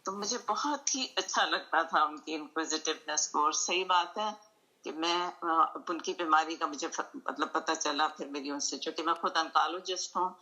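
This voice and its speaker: A woman's voice: low-pitched, sharp tone, low-quality recording. A middle-aged woman oncologist speaking earnestly in a remembrance talk, mixing English phrases into her speech.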